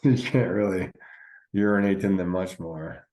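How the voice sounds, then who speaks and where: A man's voice: sits low, unhurried, darkish tone. A man co-hosting a podcast in casual chat, laid-back and rambling with many fillers. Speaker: podcast co-host.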